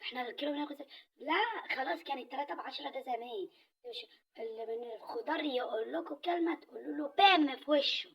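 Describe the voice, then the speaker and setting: ست بتعمل cocky vegetable showing off, squeaky and super fast. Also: female voice, animated, vocal fry. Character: boastful vegetable bragging about its high price. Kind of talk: comic voice filter skit.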